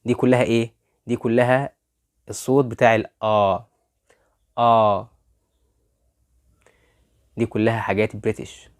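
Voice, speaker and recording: A man with an Egyptian Arabic accent teaching a phonics lesson, asking his students rhetorical questions and saying each model word loudly twice. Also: medium pitch, steady tone, fairly quick. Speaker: English pronunciation teacher.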